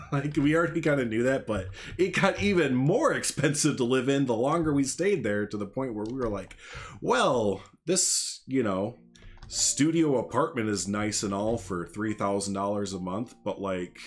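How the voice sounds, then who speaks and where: His mid-range voice is animated and moderately paced as he streams a building game on a headset in a small room at home. The man, in his thirties and from Northern Illinois with a slight Chicago accent, rambles, jokes, and chats casually with viewers.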